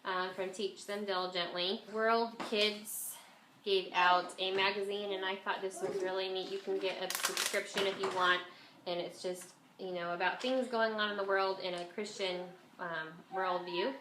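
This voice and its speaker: A woman's voice: mid-range voice, steady tone, moderate pace. A woman chatting casually as a homeschool vlogger, with a stuffed-up, nasal voice from a cold, as if pinching her nose. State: has a bit of a cold. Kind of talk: casual chat to camera. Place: at home, indoors. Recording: echoey room, faint background noise.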